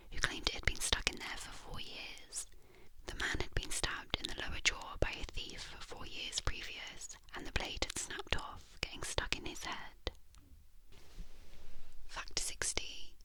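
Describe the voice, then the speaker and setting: Someone whispering closely, right in the listener's ear, reading facts in a measured ASMR style into a binaural microphone. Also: poor audio. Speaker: ASMR narrator.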